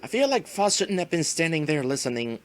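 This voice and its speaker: A man's voice: fairly high pitch, big pitch swings, a little fast, a little hiss or hum. A man giving casual commentary as host of an indie game showcase.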